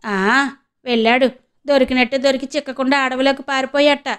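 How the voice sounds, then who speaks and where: A woman's voice: high-pitched, flat delivery, fairly quick, clear, resonant tone, voice pushed up, lightly acted. A woman voicing a middle-aged village mother who laments and reproaches in rustic speech. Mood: grieving.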